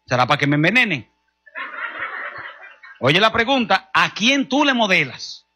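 Man, Dominican accent, middle-aged preacher, high voice, husky edge, joking storyteller. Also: big pitch swings, a little slow, sharp tone. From Dominican Republic. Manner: humorous, storytelling, addressing the congregation directly. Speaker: pastor. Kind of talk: sermon.

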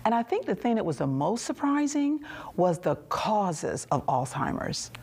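A woman's voice: medium pitch, very animated, measured pace, a little mellow, slightly rough. A woman host promoting today's health show, announcing it. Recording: voice distant from the mic.

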